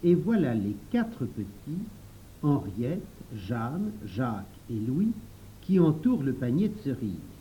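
A man reading a storybook aloud as narrator, in an expressive, lively manner. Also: medium pitch, slow, slight background noise. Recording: dull, lo-fi.

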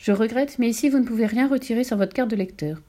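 A prim storybook librarian, polite and brisk, with a raised, mellow voice, as a woman reader does her. She keeps her words firm and courteous. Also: a little high, voice pushed up, close to an everyday voice.

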